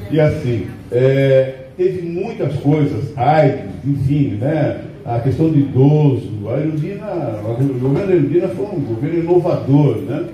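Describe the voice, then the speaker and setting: A man's voice: medium pitch, expressive, measured pace, few pauses, mellow, a little hiss or hum. A man reminiscing to a meeting in a rambling, conversational way, often tagging questions onto his sentences. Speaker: union founder speaking at a meeting. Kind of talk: reminiscing speech to members. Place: meeting hall. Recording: echoey hall, voice from far off.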